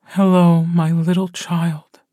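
Man voicing a fierce grown woman, outspoken pack mother, raised pleading voice, slow, dry audiobook. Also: on the high side, fairly even intonation, a little mellow, no echo, voice pushed up, close to an everyday voice. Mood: tender.

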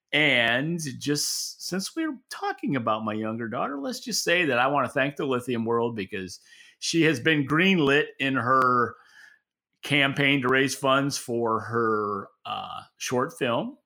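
A middle-aged American man with a gravelly, mid-range voice and a sharp tone co-hosts a podcast. He chats about markets casually and without a script, rambling in a plain-spoken, stop-start way.

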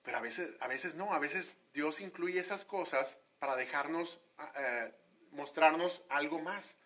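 A male preacher gives a chatty, conversational sermon. His voice sits a little high and sounds bright and forceful, and he often hesitates mid-thought before pressing on. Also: unhurried. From Monterrey, Mexico.

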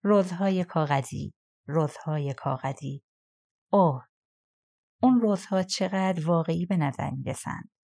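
A woman voicing a tender, ailing middle-aged mother in an audiobook, speaking softly and intimately. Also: lowish voice, dry recording, clean studio sound.

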